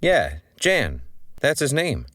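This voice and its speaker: A man's voice: medium pitch, huge pitch swings, takes it slowly, a bit bright, no echo, studio quality. A man playing a sitcom lead, talking in an awkward, hesitant way. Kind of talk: sitcom acting.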